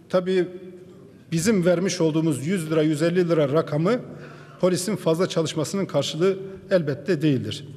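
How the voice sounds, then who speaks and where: A man's voice: high-pitched, darkish tone. A man addressing a parliament from a podium microphone, giving a formal speech and pressing his audience with pointed rhetorical questions. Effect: speaking at a podium microphone. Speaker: member of parliament. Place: large parliament chamber. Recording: long reverb of a large hall.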